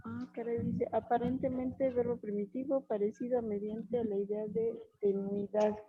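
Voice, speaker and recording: A woman, a student in a class, reading out word definitions in a slow, hesitant way. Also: on the high side, little pitch movement, husky. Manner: reads definitions slowly, hesitant. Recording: dull lo-fi sound.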